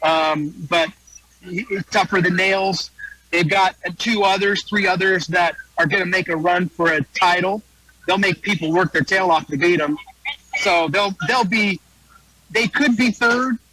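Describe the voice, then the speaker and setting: A man's voice: sits high, a little slow, pushed and bright, no echo, low-quality recording. An American man giving a folksy, casual sports preview as a guest wrestling analyst, repeating phrases for emphasis.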